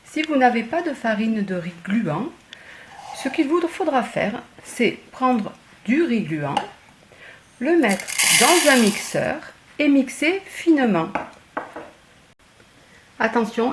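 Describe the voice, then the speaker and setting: A woman cooking vlogger walking viewers through a recipe in a chatty, casual way, often pausing on fillers. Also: fairly high pitch, expressive, a little hiss or hum. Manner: chatty, hesitant with frequent fillers. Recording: echoey room.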